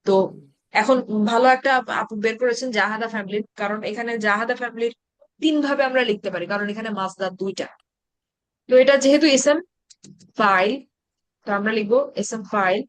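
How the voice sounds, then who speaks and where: A woman's voice: on the high side, fairly quick, no room sound. A woman teaching an Arabic grammar class in Bengali-accented speech, explaining patiently and asking her students questions. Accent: Bangladeshi Bengali.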